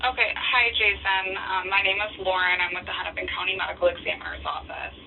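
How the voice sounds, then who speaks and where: Flat, gravelly woman on a speakerphone. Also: on the low side, brisk. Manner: methodical, spells out names letter by letter. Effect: heard over a speakerphone. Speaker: medical examiner investigator. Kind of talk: reading form questions by phone. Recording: tinny speakerphone line, faint hiss.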